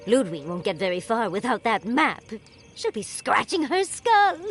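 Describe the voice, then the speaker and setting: An actress playing a witty, teasing adventurer companion in a fantasy video game. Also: female voice, on the high side, sing-song, normal speed, faint music behind. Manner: dry, teasing humor.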